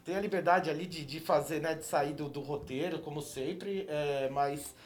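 A man's voice: fairly high pitch, normal speed, slight background noise. A Brazilian man chatting casually as a guest football commentator, teasing and bantering. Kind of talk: casual chat.

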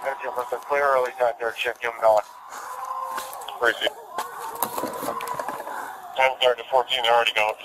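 A man's voice: mid-range voice, flat delivery, moderate pace, long pauses, a bit bright. A man working as a police dispatcher, heard over a police radio transmission, speaking in clipped radio codes. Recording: noisy, distant police radio audio from body cam footage.

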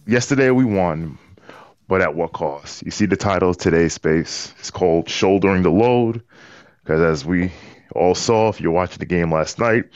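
A man hosting a casual sports podcast, thinking aloud in a halting way. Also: sits low, no echo, dull audio. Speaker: podcast host.

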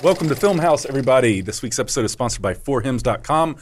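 A man's voice: mid-range voice, expressive, fast talker, a little hiss or hum. A man hosting a podcast, reading a sponsor spot and steering the chat with his co-hosts. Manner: reads sponsor intros, keeps the group on topic. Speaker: podcast host.

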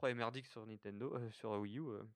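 A man chatting casually about games with enthusiastic, quick interjections. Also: fairly low pitch, steady tone, clear, resonant tone, no room sound, clean studio sound. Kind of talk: casual gaming podcast chat.

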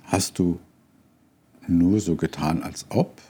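A man's voice: low-pitched, takes it slowly, warm tone, slightly rough, voice pushed down, heavily acted. A man voicing a brave young girl who demands answers, in an earnest storybook reading.

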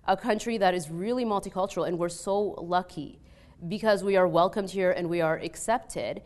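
A woman's voice: on the low side, moderate pace, darkish tone. An Arabic-speaking woman from Egypt with a Canadian-influenced accent, speaking personally and earnestly on a panel, peppering her talk with "like" and checking in with "right?". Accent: Canadian-influenced with an Egyptian background. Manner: conversational and earnest, frequent 'like' and tag questions. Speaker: panel speaker, peace scholar. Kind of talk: personal testimony at a panel discussion.

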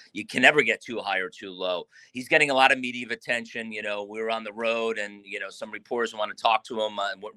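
A man, a baseball manager, answering interview questions in a relaxed, rambling way, often restarting sentences. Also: lowish voice, dry recording.

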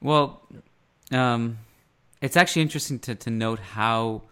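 A man hosting a sports podcast in a casual discussion style, measured and pausing mid-phrase as he works through his thoughts. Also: medium pitch, bright, forceful tone, smooth.

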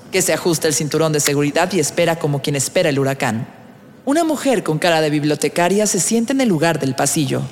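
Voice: mid-range voice, a little hiss or hum. A narrator reading scripted, present-tense audio drama narration. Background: loud music, vehicle and outdoor sound effects.

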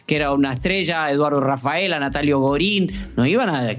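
A man in his fifties with an Argentine Rioplatense accent, a sports journalist who tells anecdotes as a podcast guest, animated and fond of rhetorical questions. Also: a little high, fairly quick. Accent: Argentine Rioplatense Spanish. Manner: animated, uses rhetorical questions and acts out quoted dialogue. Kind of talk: conversational storytelling in a podcast interview.

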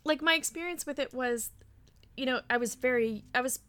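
A woman in her thirties, a podcast guest in casual chat, animated, laughing often and swearing freely. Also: sits high, a little fast, smooth. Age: 30s.

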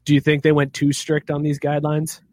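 A man's voice: on the high side, monotone, brisk, a little mellow, no room sound, clean studio sound. A man hosting a casual sports podcast, joking and laughing often as he leads the topics. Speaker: podcast host.

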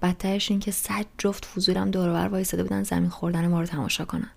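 A woman's voice: on the low side, level tone, creaky. A woman reading a novel aloud in a plain, conversational first-person storytelling manner. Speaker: audiobook reader.

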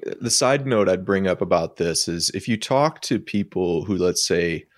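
A man talking through ideas in a relaxed, thoughtful way, using frequent fillers. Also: sits low, normal speed, no room sound, clean studio sound. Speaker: podcast guest. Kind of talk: casual conversational discussion.

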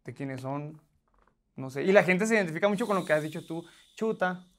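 A man's voice: a little high, fast talker. A man, a guest in a casual interview, who speaks hesitantly and searches for words.

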